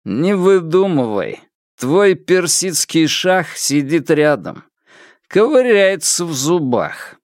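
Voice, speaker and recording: A lazy, mocking young man, as a male narrator plays him in an audiobook. He drawls slowly in a slightly raised, lively voice, sneering at whoever he talks to. The sound is close and dry. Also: a little high, no echo, pitched above the performer's own voice, heavily acted. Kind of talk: audiobook character voice.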